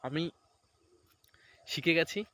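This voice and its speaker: A man's voice: takes it slowly, sharp tone. A man, chatting casually in a vlog outdoors beside a paddy field. He rambles and keeps checking in with "right?". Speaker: vlogger.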